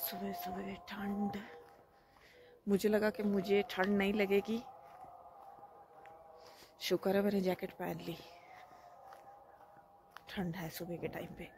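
A woman's voice: medium pitch, level tone, slow pace, long pauses, noisy background. A woman in her thirties chatting to camera in a reflective, casual way while walking outdoors before dawn, phone held at arm's length. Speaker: vlogger. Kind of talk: casual vlog narration.

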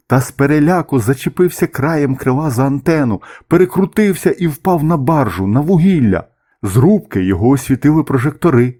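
A man narrating a children's story as an expressive, measured audiobook reading. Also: medium pitch.

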